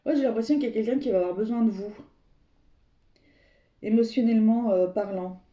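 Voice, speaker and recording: A woman's voice: fairly high pitch, brisk, highs cut off. A woman giving a tarot card reading to her viewers, meandering and searching for words as she speaks to them directly. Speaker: tarot reader. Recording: roomy echo.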